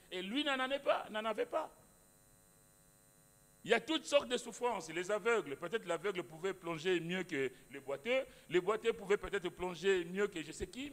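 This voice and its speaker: High-voiced preacher in a reverberant hall. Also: male voice, fairly bright tone. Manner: emphatic, repeats phrases, many restarts. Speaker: pastor. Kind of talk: sermon. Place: church hall.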